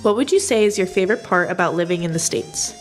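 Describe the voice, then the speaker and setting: A woman narrating a family history and interviewing her grandmother, reading her script in a clear, measured way. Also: lowish voice, animated, faint music behind.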